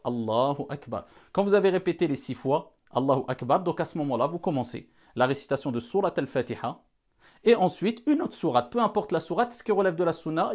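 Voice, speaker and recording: Higher-voiced man explaining prayer carefully. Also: darkish tone. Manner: addresses audience as vous, repeats points to stress them. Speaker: religious teacher. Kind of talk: explanatory religious lesson.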